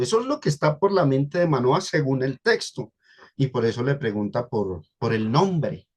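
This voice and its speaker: A man's voice: mid-range voice, breathy edge. A man with a Colombian accent preaching a Bible study sermon to a congregation, explaining word by word and repeating key phrases for emphasis. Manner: teaching, addresses congregation as brothers, repeats and stresses key words.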